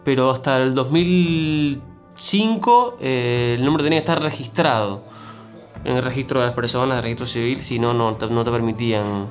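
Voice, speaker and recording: A middle-aged Cuban man with a mixed Cuban and Argentine accent speaks as a guest in a conversational interview, full of fillers and restarts. His voice is medium-pitched at a normal speed, with faint music behind.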